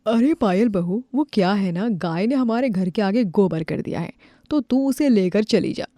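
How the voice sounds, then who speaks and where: A woman's voice: mid-range voice, animated, normal speed, dark tone, dry recording, lightly acted. A woman voicing a rude, bossy neighbor who insults and orders.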